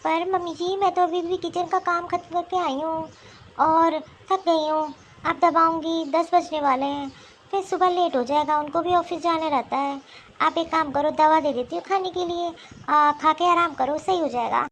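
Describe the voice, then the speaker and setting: A woman's voice: extremely high pitch, fairly even intonation, moderate pace, a little hiss or hum. Woman voicing a tired, dutiful young daughter-in-law. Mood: weary. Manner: polite, weary. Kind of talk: animated cartoon voice acting.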